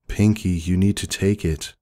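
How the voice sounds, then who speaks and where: A man voicing a stoic young female pony, an elder sister, with a firm deadpan delivery in a fan fiction reading. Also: low-pitched, moderate pace, close to an everyday voice. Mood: stern.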